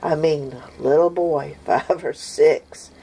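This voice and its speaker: A woman's voice: deep voice, steady tone, takes it slowly, dark tone, slightly rough. A woman telling a funny family story in a casual, folksy way, often laughing as she goes.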